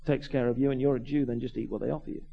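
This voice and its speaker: A man, a vicar, preaching by telling a lively personal story, acting out the voices of the people in it and often restarting his words. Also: mid-range voice, gravelly, narrow, tinny audio. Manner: animated, acts out voices, quick restarts. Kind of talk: storytelling sermon.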